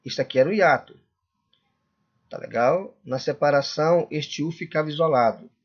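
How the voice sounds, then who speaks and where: A man's voice: fairly high pitch, normal speed, husky. Male teacher in a dull lo-fi recording. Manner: checks in constantly with "correto?" and "tudo bem?". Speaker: Portuguese teacher. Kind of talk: classroom lecture.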